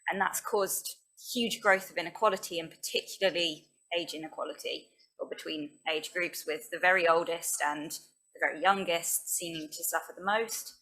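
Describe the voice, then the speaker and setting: A woman from Essex puts a question to the panel from the audience, halting and filling pauses as she goes. Her voice sits a little low yet sounds bright and forward. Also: rough recording. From Essex, England. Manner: halting, with fillers. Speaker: audience member. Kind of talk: asking a question.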